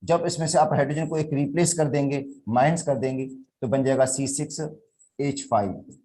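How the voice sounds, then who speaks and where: A man from Pakistan with a Sindhi accent gives a classroom chemistry lecture, explaining step by step and addressing his students as "beta." He speaks at normal speed in a warm, medium-pitched voice with fairly even intonation.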